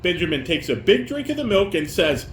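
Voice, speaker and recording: A middle-aged father runs a family table read, his high, fairly bright voice swinging widely in pitch as he talks fairly quickly. He reads the stage directions aloud and coaches casually, demonstrating and correcting each step. The home recording is roomy and echoey, with background noise.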